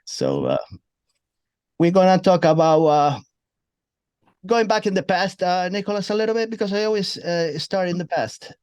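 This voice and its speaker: A man with a fairly high voice hosts a casual interview. His questions wander and restart, padded with "uh" and "you know". His sound is close and dry, with no room echo. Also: sing-song, normal speed, pauses often, a little mellow, clear, resonant tone. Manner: rambling, meandering questions with fillers. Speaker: interview host.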